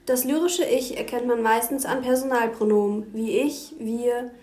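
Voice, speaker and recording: A woman with a fairly high voice reads a scripted school lesson. Her delivery is even and careful. The room around her gives the voice a clear echo. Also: moderate pace, slight background noise. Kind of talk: scripted educational narration.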